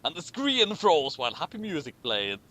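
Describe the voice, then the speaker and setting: His voice, a little high and bright, swings hugely in pitch with a forceful tone at a moderate pace. As co-host, he reads a piece of fan fiction aloud and chats about it in an amused, casual way.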